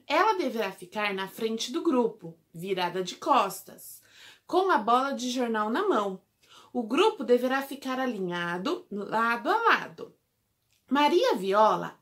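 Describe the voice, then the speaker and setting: A Brazilian woman teacher giving a remote lesson to small children, drawing out syllables slowly and clearly. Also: fairly high pitch, a bit bright. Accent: Brazilian Portuguese. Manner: slow, drawn-out syllable drills for small children.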